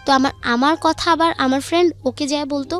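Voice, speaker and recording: A young woman with a Bangladeshi accent speaks fast in a high-pitched, fairly bright voice with fairly even intonation, music playing behind her. As a guest telling her life story, she chats colloquially and relays dialogue turn by turn.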